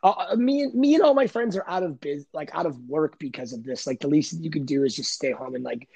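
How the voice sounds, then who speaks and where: A man's voice: a little high, expressive, a little fast, gravelly, darkish tone, husky, no room sound. A young man hosting a casual podcast chat, laid-back, saying dude and bro. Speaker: podcast host.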